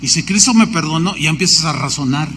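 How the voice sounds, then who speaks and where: A man with a Mexican accent, preaching a sermon as a pastor, animated, with lists and storytelling asides. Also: fairly high pitch, fast, big-room sound, slight background noise.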